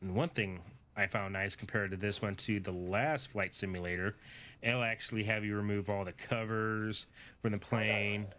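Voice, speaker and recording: A man's voice: on the low side, fairly even intonation, normal speed, sharp tone, a little hiss or hum. A tired young man casually commenting on his game, thinking aloud with fillers as he goes. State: tired, yawning. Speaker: gaming streamer. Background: game music.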